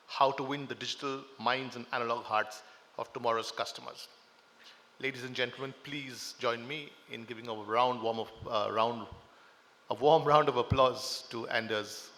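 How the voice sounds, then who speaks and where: A man's voice: medium pitch, pushed and bright. A man with a mid-range voice reads out a guest speaker's introduction. He jokes along and trips over his words now and then. The long reverb of a large hall hangs on every word. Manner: jokey, stumbles over words. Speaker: event emcee.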